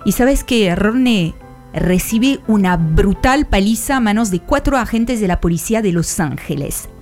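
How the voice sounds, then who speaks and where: A woman columnist narrating a radio segment on history in a slow, dramatic storytelling manner. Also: fairly high pitch, a little mellow. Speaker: international affairs columnist.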